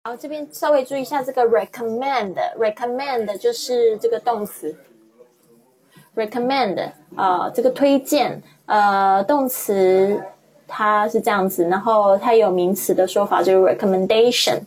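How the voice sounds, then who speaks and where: A woman teaching English online, explaining patiently and repeating English words slowly to model their pronunciation. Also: fairly high pitch, a little mellow. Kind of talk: online language lesson.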